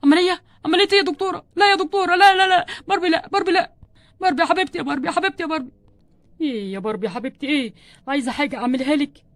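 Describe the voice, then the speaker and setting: A woman's voice: high-pitched, lively intonation, very fast, no room sound. A woman voicing an adult man doll who frets over his sick wife, speaking Egyptian Arabic with pleading, repeated words. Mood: anxious. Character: worried devoted husband doll, adult man. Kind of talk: doll play storytelling.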